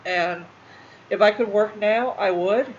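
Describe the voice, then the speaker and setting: A middle-aged woman talks casually to her viewers, halting, repeating herself and sounding emotional. The recording is a little dull and muffled. A faint noise sits underneath her voice. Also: mid-range voice. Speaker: channel host. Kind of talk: casual talk to livestream viewers.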